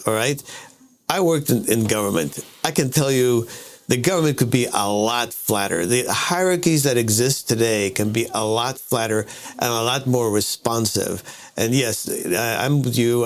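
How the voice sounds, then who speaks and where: A man being interviewed as a guest author, explaining his ideas at length and often repeating himself and checking in with "all right?". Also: medium pitch. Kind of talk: conversational interview answers.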